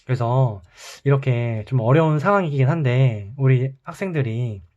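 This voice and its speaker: A man's voice: medium pitch, moderate pace, highs cut off. Man teaching math, step by step. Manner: calm, explains step by step while drawing. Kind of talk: online math lesson.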